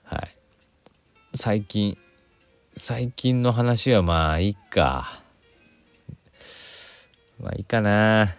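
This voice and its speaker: A man's voice: lowish voice, extremely slow, pauses often, clear, resonant tone, dry recording, soft background music. A middle-aged man hosting a casual solo podcast. He rambles with lots of fillers and corrects himself mid-sentence while recording inside a parked car in a garage. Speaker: podcast host.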